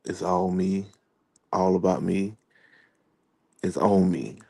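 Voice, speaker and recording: A man's voice: low-pitched, steady tone, takes it slowly, vocal fry, mellow, no room sound. A man co-hosting a casual podcast, joking playfully while filling time. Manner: joking, playful self-promotion. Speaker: podcast co-host.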